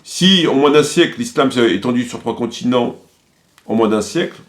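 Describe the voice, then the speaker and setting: This man narrates a video with combative, accusing commentary, insistently repeating phrases to make his case. He has a medium-pitched, animated voice and keeps a moderate pace.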